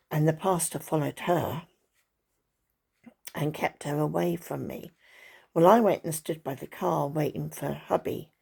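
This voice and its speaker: An older woman chats casually to camera for her viewers from indoors at home, rambling through a story and tossing asides to her dog. Her voice is low and dark, with vocal fry and a breathy edge.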